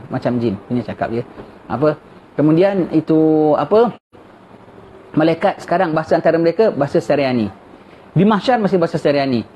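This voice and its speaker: A man giving a colloquial religious lecture, reading a text aloud slowly and then explaining it. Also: fairly high pitch, darkish tone. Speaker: religious teacher. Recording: dull, lo-fi, faint background hiss.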